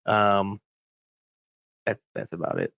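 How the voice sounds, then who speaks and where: A man's voice: fairly low pitch, fairly even intonation, takes it slowly, creaky, dry recording, muffled recording. A man hosting a podcast, talking casually in a hesitant, meandering way. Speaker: podcast host.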